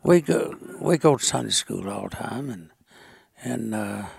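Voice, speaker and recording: An elderly man with a rural Arkansas, Appalachian-like mountain accent and a gravelly voice, telling a folksy story in a halting, plainspoken way. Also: lowish voice, expressive, darkish tone, no echo, clean studio sound. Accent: rural Arkansas Ozark mountain, Appalachian-like. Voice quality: gravelly, raspy old voice. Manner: halting, plainspoken, rustic grammar. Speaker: storyteller being interviewed.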